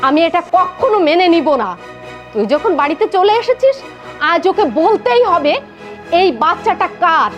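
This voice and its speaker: A woman's voice: very high-pitched, expressive, moderate pace, faint music behind. A woman with a Bangladeshi accent playing a harsh, accusing middle-aged mother-in-law in a melodramatic film, scolding and haranguing. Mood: indignant, demanding. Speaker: actor. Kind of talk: melodramatic short film acting.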